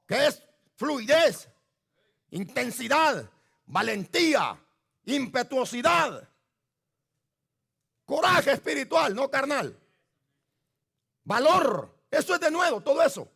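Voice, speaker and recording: A man preaching a fiery sermon to his church on a microphone, shouting and exhorting the congregation. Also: extremely high pitch, big pitch swings, takes it slowly, gravelly, pauses often. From Latin America. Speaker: pastor. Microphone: handheld microphone.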